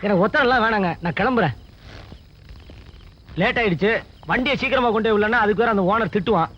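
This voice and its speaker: A man's voice: high voice, fast, fairly bright tone, highs cut off. An actor playing a shy young male driver who keeps protesting bashfully, in an old film soundtrack with music.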